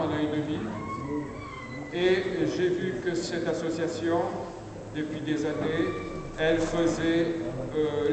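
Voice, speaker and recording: A middle-aged sculptor speaks slowly and haltingly, stopping often to search for words. His fairly high voice rings through a stone cloister, picked up from far off. A low hum of ambient noise sits underneath. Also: heavy reverb, long reverb tail. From Brazil. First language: Portuguese. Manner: slow, hesitant, searching for words. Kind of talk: opening speech at an exhibition. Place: abbey cloister.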